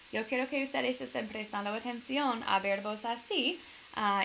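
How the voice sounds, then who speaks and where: A woman teacher with a gravelly, creaky voice who talks slowly and carefully. She reads a storybook to her students, stops often to explain verb forms and stress, and fills pauses with "um". A faint hiss sits behind her. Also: on the high side, fairly bright tone, low-quality recording. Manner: slow, careful explanations with fillers. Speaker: Spanish teacher. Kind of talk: reading a storybook aloud and explaining grammar.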